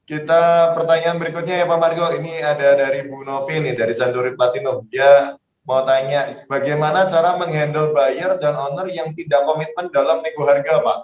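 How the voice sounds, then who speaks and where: A man's voice: fairly high pitch, level tone, normal speed, reverberant. A man moderating a seminar, reading audience questions in a chatty way. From Indonesia.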